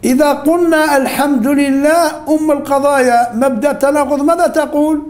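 A male teacher leading an interactive class, firing questions at students, then praising or correcting their answers, and slowly repeating the key points. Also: extremely high pitch, fairly even intonation, a little mellow.

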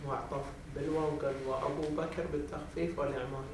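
A male student in a grammar class, giving short answers and asking quick polite questions. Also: a little high, fairly even intonation, a little hiss or hum. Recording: distant, echoey classroom, faint ambience.

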